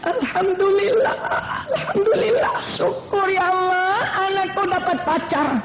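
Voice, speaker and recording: A man preaching, voicing a fond devout mother who coaxes her daughter with gentle questions. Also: extremely high pitch, unhurried, echoey room, dull audio, noisy background, voice pushed up. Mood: overjoyed.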